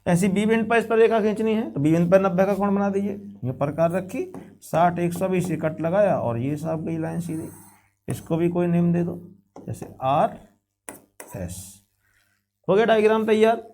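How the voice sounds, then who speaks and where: A man with a high-pitched voice teaches a classroom geometry lesson. He explains each construction step by step and repeats key phrases for his students. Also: moderate pace, mellow. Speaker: math teacher.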